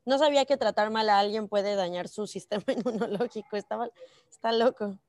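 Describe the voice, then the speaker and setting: A woman's voice: medium pitch, brisk, a little mellow, no echo, studio quality. A woman co-hosting a podcast, joking in casual chat. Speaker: podcast co-host.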